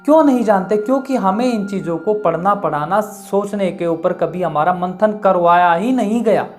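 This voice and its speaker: A man's voice: high voice, moderate pace, faint music behind. A man hosting an online channel, giving an earnest explainer monologue in which he asks the viewer questions and answers them himself. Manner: earnest, emphatic delivery. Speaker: YouTube channel host.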